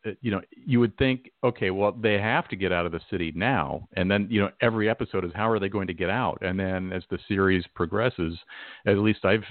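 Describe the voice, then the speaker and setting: A man's voice: deep voice, fairly quick, no echo, phone-quality sound. A man hosting a radio talk show, chatting casually with many restarts and acted-out quotes. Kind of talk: casual chat.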